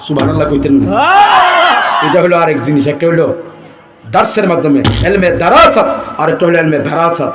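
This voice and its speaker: High-pitched male preacher, booming waz sermon on an echoey loudspeaker, audience calls back. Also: a little fast, pauses often, very noisy. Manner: swings between chatty asides and loud sing-song chanting; calls out to the crowd for responses. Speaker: Islamic preacher at a religious gathering. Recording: echoey public address with a crowd.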